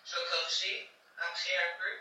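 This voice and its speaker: Woman coach, encouraging, very bright sharp voice, distant echoey video call. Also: on the low side, flat delivery, normal speed, soft background music. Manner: encouraging, corrects step by step. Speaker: posing coach.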